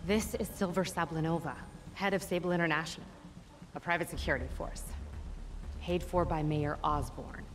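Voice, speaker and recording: Give me a commanding police captain from a video game, voiced by a woman, with a low voice and faint noise behind her. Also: fairly even intonation, moderate pace, lightly acted. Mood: firm. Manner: firm, commanding.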